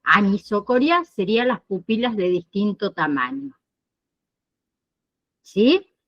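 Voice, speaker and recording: A woman instructor teaching an online nursing class, explaining slowly and often pausing to check that students follow. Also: mid-range voice, big pitch swings, dull audio. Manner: explains slowly, checks understanding with frequent "¿sí?" and "¿bien?".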